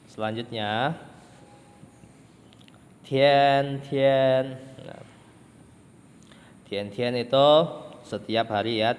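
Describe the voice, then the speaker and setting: A man's voice: fairly low pitch, big-room sound, a little hiss or hum. A man teaching a class, patiently repeating new words and their tones with many fillers. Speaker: Mandarin teacher. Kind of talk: online class lesson.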